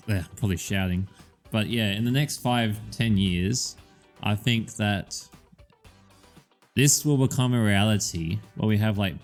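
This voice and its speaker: A man's voice: on the low side, a little mellow. A man co-hosting a podcast in casual chat, rambling with lots of "um"s and casual swearing. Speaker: podcast co-host.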